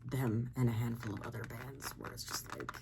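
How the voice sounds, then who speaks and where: Soft-spoken ASMR voice, creaky, noisy recording. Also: mid-range voice, steady tone, fairly quick. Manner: casual, rambling, swears freely. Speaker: ASMR video creator. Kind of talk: soft-spoken ASMR show-and-tell, often dropping into whisper. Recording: lo-fi, loud noise, clicking and tapping. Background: tapping, scratching and clicks.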